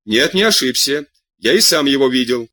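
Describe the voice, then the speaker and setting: A man voicing an eager, excitable young man who tells his news breathlessly and humbly. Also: mid-range voice, moderate pace, no echo.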